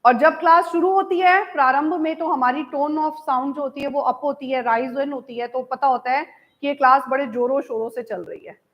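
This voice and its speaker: A woman teacher with an Indian English accent, giving an online class. She mixes Hindi and English, reads key lines out slowly and keeps asking her students whether it is clear. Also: sits high, fairly even intonation, highs cut off. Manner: calls students "beta".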